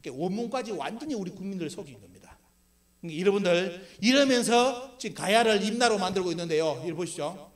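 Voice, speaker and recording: A man's voice: sits high, animated, fast. A middle-aged man giving an emphatic public history lecture with slides, constantly posing rhetorical questions and answering them himself. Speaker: lecturer for a history civic group.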